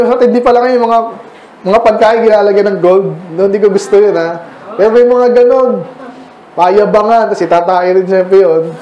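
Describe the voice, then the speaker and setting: A man's voice: high voice, warm tone, echoey room, slight background noise, poor audio. A man with a Filipino accent preaching a sermon as pastor, talking with the congregation and asking them questions. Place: church.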